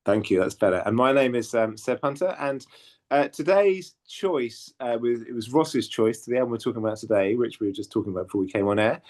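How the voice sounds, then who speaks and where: A man's voice: medium pitch, a little fast, darkish tone. A man hosting a casual podcast chat, hesitant, with lots of ums and self-corrections. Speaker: podcast host.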